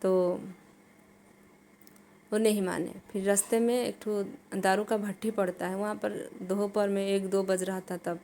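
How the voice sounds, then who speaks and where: A woman telling a personal testimony in an earnest, halting way, with many restarts. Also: medium pitch, flat delivery, darkish tone, a little hiss or hum.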